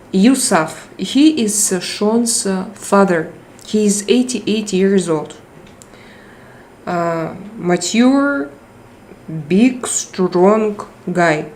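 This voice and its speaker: A middle-aged woman with a Russian accent chats loosely on a live stream, frequently faltering and starting over as she searches for words. Captured on a tablet microphone, her mid-range voice is a little mellow, with a slight hiss or hum in the recording.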